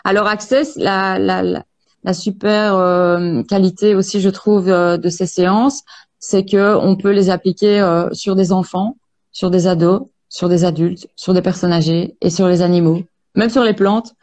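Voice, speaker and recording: A woman practitioner explaining energy healing in an interview, speaking calmly with many hesitations. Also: mid-range voice. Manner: calm, measured, many hesitations. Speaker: Access Bars practitioner, guest.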